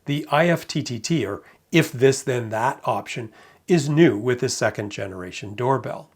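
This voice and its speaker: A man narrating a product review in a measured, matter-of-fact way with light amused asides. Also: mid-range voice, expressive, husky.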